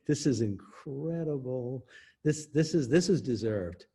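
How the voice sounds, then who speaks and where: Husky, mellow man explaining copyright. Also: medium pitch, animated, slow. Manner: emphatic, laughs often. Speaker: interview guest, copyright expert. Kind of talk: explanatory casual talk.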